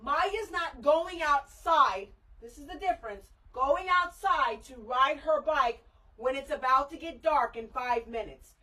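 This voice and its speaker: A woman's voice: sits high, a little slow, pushed and bright, recorded from a distance, poor audio. A middle-aged mother scolding her daughter in a heated family argument, lecturing and repeating herself.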